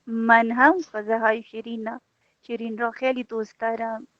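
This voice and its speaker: Hesitant female student, soft and somewhat high, lo-fi. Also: level tone, no echo. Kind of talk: classroom practice dialogue.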